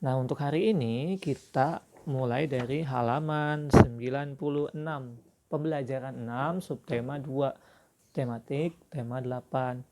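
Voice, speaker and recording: A man's voice: medium pitch, unhurried, darkish tone, slight background noise. A man teaching a religious school class to young children, explaining patiently with many fillers and restarts.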